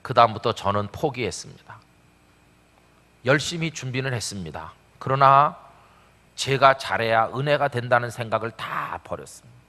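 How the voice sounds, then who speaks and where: A man's voice: medium pitch, animated, moderate pace, bright, forceful tone. A middle-aged man preaching a revival sermon, telling stories with acted-out quotes and rhetorical questions. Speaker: pastor. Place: large church sanctuary. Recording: long church hall reverb.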